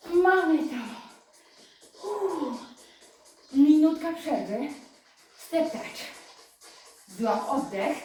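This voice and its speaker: A female fitness instructor coaching a live workout, counting reps and giving brisk, encouraging cues while she exercises, sometimes short of breath. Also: high-pitched, a little mellow. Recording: echoey room, voice from a distance, music behind.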